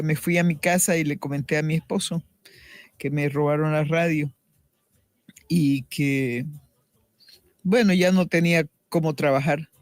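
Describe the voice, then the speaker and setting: A woman's voice: deep voice, darkish tone, no echo. A middle-aged woman giving a personal faith testimony as a radio interview guest, earnest and reflective, often restarting her sentences.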